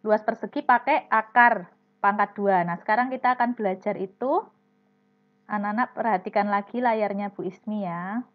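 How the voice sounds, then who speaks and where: A woman's voice: medium pitch, moderate pace. A woman teaching a primary class online, explaining step by step and calling on students by name. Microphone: video call. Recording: dull lo-fi video call audio.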